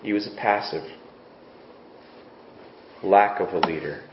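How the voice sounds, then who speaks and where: A man's voice: low voice, slow. A man preaching a sermon as pastor, reading scripture aloud and asking rhetorical questions. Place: church sanctuary. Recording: echoey, dull church recording with faint hiss.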